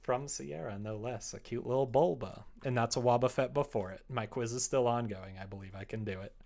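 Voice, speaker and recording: A young man codes a game on a livestream, chatting casually from his computer in a small indoor room. His medium-pitched voice is brisk, creaky, and a little mellow, and his thinking-aloud commentary is informal and self-deprecating.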